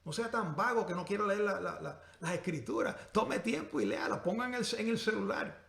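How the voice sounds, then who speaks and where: A man's voice: high voice, sing-song, a little fast, creaky, a bit bright, reverberant. A man preaching a sermon as a pastor, with impassioned, rising and falling delivery and direct rhetorical questions to his congregation.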